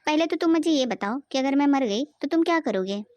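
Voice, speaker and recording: A woman's voice: high-pitched, lively intonation, fairly quick, a little mellow, lo-fi sound. A woman voicing a young village wife in a cartoon, insistent and complaining. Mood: pleading. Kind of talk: cartoon voice acting.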